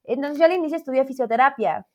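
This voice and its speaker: A woman, a math teacher, chatting in an interview about her career path in a lively, self-deprecating way. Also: sits high, fast. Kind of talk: casual interview chat. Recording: slightly dull lo-fi audio.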